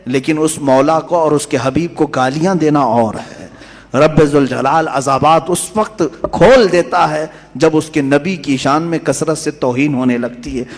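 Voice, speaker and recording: An Islamic preacher delivers an impassioned, emphatic sermon and keeps throwing rhetorical questions at his listeners. His voice sits fairly high for a man. A long reverb rings out after each phrase. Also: fairly bright tone.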